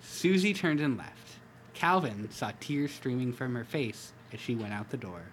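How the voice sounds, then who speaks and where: A man hosting a comedy podcast, reading a story aloud. He stops often for dry, halting asides full of fillers. His pitch is middling but moves a lot, with soft background ambience. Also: expressive, a little hiss or hum. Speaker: podcast host.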